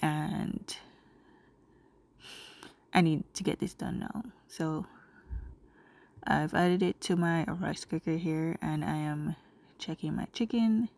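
Narrating her cooking footage, a young cooking vlogger from Jamaica talks in a chatty, rambling way with a Jamaican accent, a little congested from a cold. Her low, creaky, darkish voice moves slowly with frequent pauses. She's picked up by a camera mic across her home kitchen, with no room sound.

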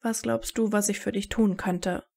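A blunt teenage wizard hero, sarcastic and determined, talking straight to the point, as a woman reading a fan story gives him voice. The voice has a gravelly, creaky grain. It stays near her own reading voice. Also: medium pitch, fairly even intonation, moderate pace, mellow. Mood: blunt, tense.

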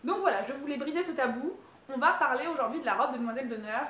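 Lady wedding planner, high voice, upbeat tips to camera, echoey room. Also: fast, fairly bright tone. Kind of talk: wedding advice tutorial.

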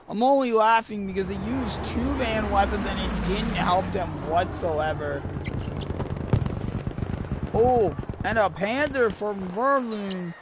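Unhurried excitable game commentator. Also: mid-range voice. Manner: excitable, breaks into exclamations and laughter. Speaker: esports match commentator. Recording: background noise with mouse clicks.

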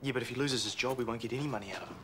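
An actor plays an indignant but conciliatory young flatmate in a TV soap. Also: male voice, medium pitch, rapid-fire, a little hiss or hum, close to an everyday voice. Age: 20s. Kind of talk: naturalistic TV soap acting.

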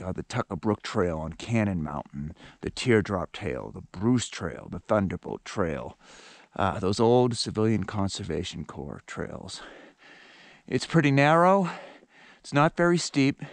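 A ski vlogger with a fairly low voice casually narrates while skiing a backcountry tour on a snowy mountain trail outdoors. He rambles with lots of fillers, and the recording is dry.

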